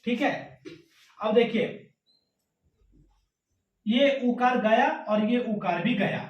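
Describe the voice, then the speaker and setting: A man with a high voice explains grammar step by step. He poses questions and answers them, and slows down to recite rules syllable by syllable. He sits some way off the mic in an echoey room. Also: recorded from a distance. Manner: asks and answers his own questions. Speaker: Sanskrit grammar teacher.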